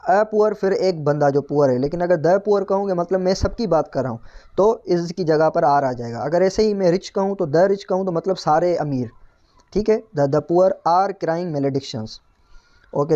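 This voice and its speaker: High, mellow male tutor. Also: muffled recording. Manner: reads example sentences slowly and deliberately, then explains conversationally. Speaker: English grammar tutor. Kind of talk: explaining grammar errors in Hindi-Urdu with English examples.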